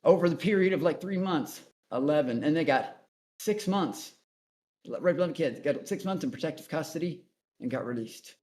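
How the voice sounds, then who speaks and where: A man's voice: fairly high pitch, lively intonation, normal speed, a little mellow. A man guest on a call-in interview, telling his story in a blunt, profane, rambling way. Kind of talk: casual storytelling.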